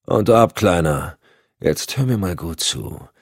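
A man's voice: low-pitched, expressive, slow, vocal fry, husky, no room sound, studio quality, heavily acted. A man voicing a hot-tempered, tough male agent who talks bluntly and threateningly. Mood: menacing.

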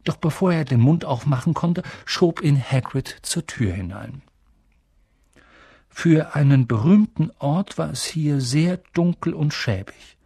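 A man narrating an audiobook in an expressive, theatrical way. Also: fairly high pitch, unhurried, gravelly, breathy edge, no echo, clean studio sound. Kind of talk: audiobook reading.

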